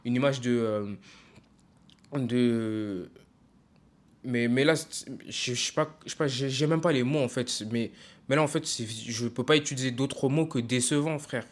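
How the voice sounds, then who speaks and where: A young man from France ranting casually in a video, frustrated and emphatic, halting often with fillers and restarts. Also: medium pitch, fairly even intonation. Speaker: football vlogger.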